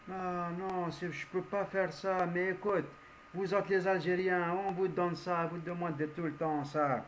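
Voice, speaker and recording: A man's voice: high-pitched, flat delivery, measured pace, slight background noise, pitched above the performer's own voice. A man voicing an exasperated, brotherly but rude male go-between for a genie, scolding and protesting.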